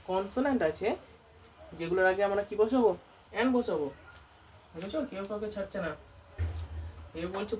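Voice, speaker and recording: With a lowish, slightly mellow voice, a woman who runs a coaching centre teaches English grammar. She asks her students question after question and answers each one herself. The mic is distant, and faint background noise can be heard.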